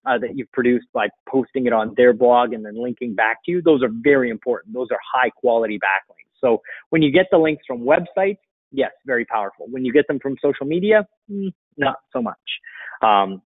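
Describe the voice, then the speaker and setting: A middle-aged man, a marketing coach hosting a webinar, sits at his computer indoors and answers questions in a relaxed, explanatory way. He has a mid-range voice, and the dull, dry lo-fi audio has no room sound.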